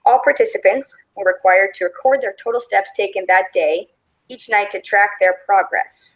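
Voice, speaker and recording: A woman in her late twenties presents her group's class project. Her pitch sits in the middle of the range, and she reads her script in an even, steady way. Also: poor audio. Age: 20s. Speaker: student presenter.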